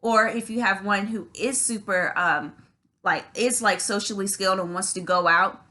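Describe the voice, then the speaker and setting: A woman's voice: mid-range voice, normal speed, bright, forceful tone. A woman vlogger talking in a casual, rambling monologue with many restarts.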